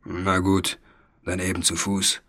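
A man's voice: deep voice, completely flat delivery, slow pace, sharp tone, pitched below the performer's own voice, full character voice. A man reading a storybook, voicing a small, tired silver dragon on the run. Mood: grumbling. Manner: anxious, then grumbling.

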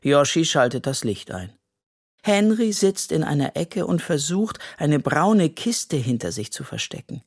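A storyteller gently reading a children's audiobook. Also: mid-range voice, big pitch swings, unhurried, gravelly.

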